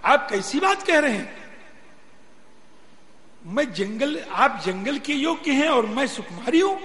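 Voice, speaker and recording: A man's voice: very high voice, big pitch swings, a little slow, a bit bright, exaggerated voice. A man voicing the devoted young princess Sita, pleading in a rising, emphatic way during a religious discourse. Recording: long hall reverb, faint noise.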